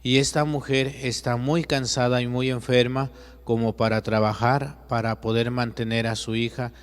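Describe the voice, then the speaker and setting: A priest with a Mexican accent, telling a story in a sermon and acting out its characters. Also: male voice, medium pitch, flat delivery, moderate pace, smooth. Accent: Mexican Spanish. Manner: narrates and acts out characters' voices. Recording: long echoey reverb.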